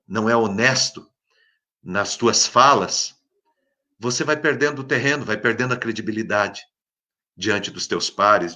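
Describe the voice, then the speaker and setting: A male preacher with a Brazilian Portuguese accent delivers a devotional sermon in a bright, ringing voice. He hammers his points home by repeating them, rising to loud emphasis and then dropping to hushed words. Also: on the low side.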